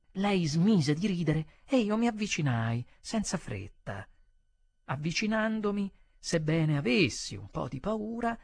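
A man reading a literary short story aloud, with expressive phrasing and dramatic pauses. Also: a little high, husky, dry recording. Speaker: audiobook reader.

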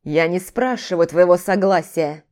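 A domineering ex-husband speaks in a calm, flat, mocking voice, as a woman narrator puts him on. The tone is mellow and dark. It is an audiobook romance scene. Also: mid-range voice, normal speed, close to an everyday voice. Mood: commanding.

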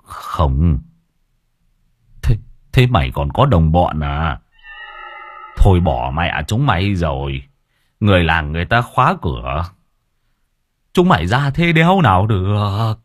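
A gruff, poor old villager with a kind heart, as a male narrator puts him on, grumbling and cursing in a slow, tired, low and husky voice. His pitch still rises and falls a lot, and the reading is close and dry, like a storybook read aloud. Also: sing-song, no room sound, full character voice. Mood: alarmed cursing.

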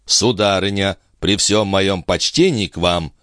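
A man's voice: low voice, a little slow, fairly bright tone, dry recording, clean studio sound. A man voicing a flustered, resentful middle-aged police chief who stammers and pleads, in an audiobook. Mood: wary. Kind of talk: audiobook character voice.

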